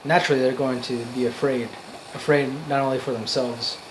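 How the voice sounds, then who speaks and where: A man giving an off-the-cuff motivational monologue, earnest and emphatic, in halting phrases that repeat for emphasis. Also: mid-range voice, little pitch movement, noisy background. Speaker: amateur motivational speaker.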